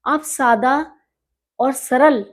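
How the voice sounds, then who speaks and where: A middle-aged woman being interviewed on a podcast, with a slightly high voice. She talks in a measured, reflective way and turns teacherly, leaning on single words and repeating them until they are pronounced right. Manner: teacherly, stresses and repeats words to correct pronunciation. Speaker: guest, newspaper editor and poet.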